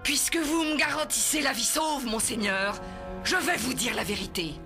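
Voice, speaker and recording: A woman's voice: on the high side, expressive, normal speed, over music, voice pushed up, close to an everyday voice. A woman voicing a proud, guarded male archer.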